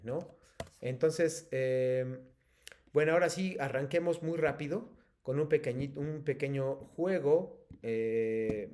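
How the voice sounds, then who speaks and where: A male teacher with a Mexican accent gives a patient, explanatory online lesson, pausing often on fillers. His voice is mellow and warm, at an ordinary pitch, over a computer mic. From State of Mexico. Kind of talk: online class lecture.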